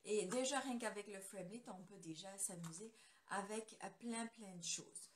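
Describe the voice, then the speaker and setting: There's a little hiss or hum around this woman's medium-pitched voice, which moves at a moderate pace. She's from France and runs an informal live craft tutorial from her home studio over a computer camera mic, chatting freely and greeting people by name.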